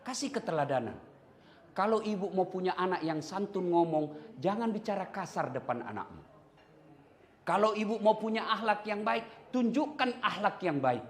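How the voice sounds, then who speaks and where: A man preaching a lively sermon to a congregation, animated and playful, asking questions and answering them himself. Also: sits high, normal speed. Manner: animated, playful, acts out quoted voices. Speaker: Islamic preacher.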